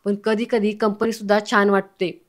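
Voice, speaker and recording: A woman reading the lines of an indignant, quick-tempered young man. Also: medium pitch, flat delivery, close to an everyday voice.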